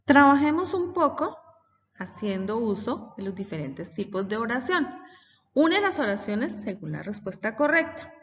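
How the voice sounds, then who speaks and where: Teacher lady, kinda high voice, patient explaining, dull audio w long reverb. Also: sing-song, a little slow, a bit bright, recorded from a distance. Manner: patient, explanatory, reading example sentences aloud. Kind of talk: recorded classroom lesson for children.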